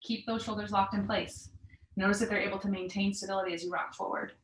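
A woman's voice: mid-range voice, slight background noise. Woman leading yoga in an echoey room. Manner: calm, measured step-by-step cueing. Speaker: yoga and mobility instructor. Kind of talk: guided stretching class with breathing cues. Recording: echoey, roomy sound.

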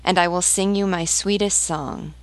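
A woman reading the part of a devoted female nightingale from a storybook, slow and earnest. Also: on the low side, steady tone, dry recording, pitched above the performer's own voice, lightly acted, poor audio. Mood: pleading.

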